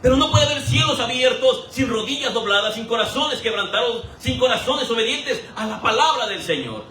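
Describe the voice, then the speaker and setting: A high-pitched man preaches with a bright, ringing tone. He fires rhetorical questions at the congregation and slips into mimicked voices. His voice comes from a distance and echoes around the church hall. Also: brisk. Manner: animated, rhetorical questions, acts out quoted voices for humor. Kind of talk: sermon. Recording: roomy echo, voice from a distance.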